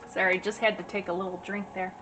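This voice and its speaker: A woman giving a casual tarot reading, chatty and rambling with many fillers, her voice slightly hoarse as she is losing it. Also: mid-range voice, background noise. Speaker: tarot reader. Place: at home.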